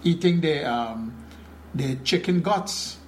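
A man's voice: a little high, animated, takes it slowly, darkish tone, a little hiss or hum. Reminiscing middle-aged man. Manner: reminiscing, chatty, tags with "right?". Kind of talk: casual chat.

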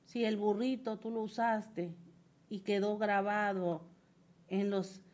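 A woman's voice: mid-range voice, fairly even intonation, slow, darkish tone. Fervent woman preaching a sermon. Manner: fervent, builds to emphatic repetition.

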